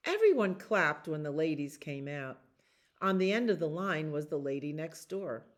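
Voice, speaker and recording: Reading aloud for storytime, a librarian uses a low voice and an expressive, measured style. She draws out the words the children's book repeats.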